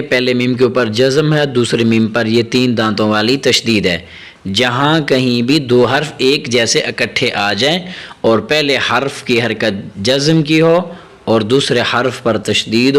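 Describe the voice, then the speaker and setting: A man teaching a tajweed lesson, spelling out letters and vowel marks, then chanting the syllables slowly and melodically between quick plain explanations. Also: mid-range voice, a bit bright. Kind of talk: step-by-step recitation lesson.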